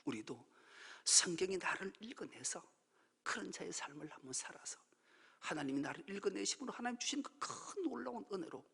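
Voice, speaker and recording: A male pastor delivers a dramatic sermon, his gravelly, husky voice bright and edgy. He sinks into breathy near-whispers, then swells into loud exclamations. The recording carries the long reverb of a church hall. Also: sits high, expressive, brisk. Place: church sanctuary.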